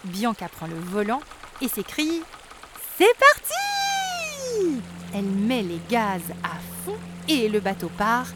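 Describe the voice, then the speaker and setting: A woman narrating a children's story in a lively, expressive way, talking to the young listener. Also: medium pitch, measured pace, very noisy. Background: background music.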